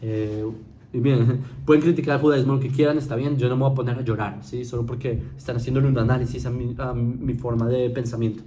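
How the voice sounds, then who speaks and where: Quick-paced and steady, with a mellow, medium-pitched voice, a man gives viewers an informal spoken lecture over slight background noise. He checks in often with "¿sí?", restarts sentences, leans on fillers, and occasionally mimics others mockingly.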